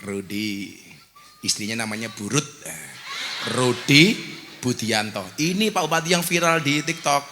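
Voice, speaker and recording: A man, preaching to a crowd in a loud, teasing, joking way. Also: mid-range voice, animated, measured pace. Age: 40s. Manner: loud, bantering, teasing the audience. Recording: long hall echo, faint noise.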